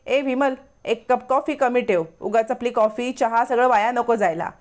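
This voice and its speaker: A woman's voice: fairly high pitch, normal speed, a little mellow, natural voice. A woman voicing a snobbish young woman of the house who sneers and complains.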